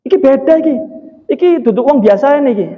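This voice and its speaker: A man's voice: very high voice, lively intonation, fast talker, voice pushed up. A man voicing a blind old man who is rude and then tearful. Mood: scornful. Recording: dull, echoey mosque hall.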